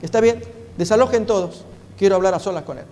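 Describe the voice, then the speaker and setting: A man preaching, acting out a stern older judge who speaks firmly and calmly. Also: high voice, lightly acted. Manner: firm, measured. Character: stern older male judge, calm and grave.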